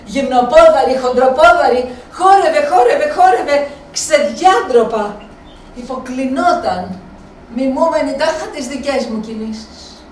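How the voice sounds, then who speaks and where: A woman's voice: high voice, animated, a little mellow, slight background noise. An actress performing a live stage monologue as an aging Helen, a faded proud woman alone, brooding, weary and bitter. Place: small theatre space. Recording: echoey room from far off.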